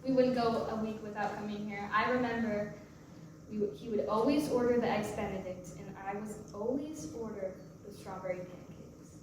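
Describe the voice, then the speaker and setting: In a live staged play reading, an actress with a natural, medium-pitched voice plays a troubled, guilt-ridden mother recovering from alcoholism, hesitant and confused. She speaks in a halting, stammering way with a wistful, nostalgic mood. The noisy recording comes from far off in a large, echoey hall.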